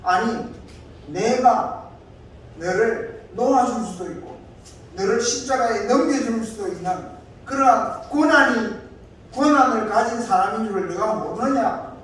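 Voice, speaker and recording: A man's voice: sits high, slow pace, pauses often, a little mellow, a little hiss or hum. A man voicing a stern, domineering Roman governor who presses with threatening questions, in an echoey hall from a distant mic.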